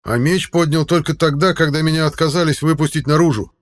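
A man's voice: on the high side, a little fast, voice pushed up, close to an everyday voice. A man voicing a young male Viking captive who talks in a strained, pleading way. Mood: defensive.

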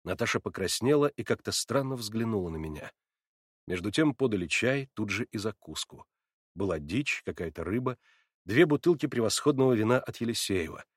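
A man narrating a classic novel as an expressive, measured audiobook reading. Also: fairly low pitch, slightly rough, no room sound, clean studio sound. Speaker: reader.

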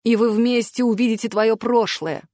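A woman's voice: a little high, steady tone, normal speed, darkish tone, no room sound, natural voice. Woman reading male director, cold, dull, detached voice, audiobook, dry sound.

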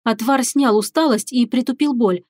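A woman narrating a first-person audiobook in a steady, even storytelling manner. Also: a little high, moderate pace, dry recording, studio quality.

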